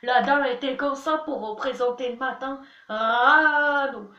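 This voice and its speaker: A young woman vlogs casually in a high, steady, slightly bright voice at normal speed. Chatty and playful, she teaches words and pokes fun at herself. The audio is dull, with the mic at a distance in an echoey room.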